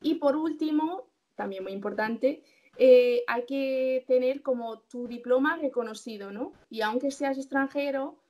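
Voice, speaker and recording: A woman's voice: high-pitched, a little slow, a little mellow. A young woman in her twenties, a resident doctor being interviewed, explaining steps casually with many fillers and self-corrections.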